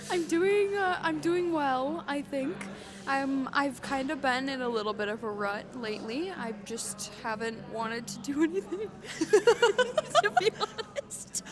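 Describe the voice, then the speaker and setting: A young woman co-hosting a casual podcast chat, bubbly and quick to laugh. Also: high-pitched, animated, crowd noise. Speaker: podcast co-host.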